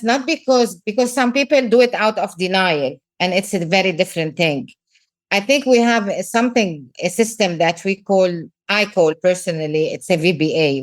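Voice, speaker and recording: A middle-aged Lebanese woman, a business coach with a Lebanese accent and a medium-pitched voice, talks earnestly in a podcast interview and repeats words for emphasis.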